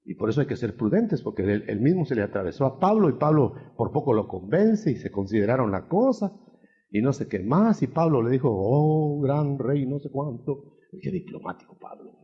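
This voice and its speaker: A man preaching a sermon in an animated storytelling way, acting out shouted quotes. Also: mid-range voice, a little fast. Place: seminar hall. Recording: dull lo-fi 1991 seminar recording.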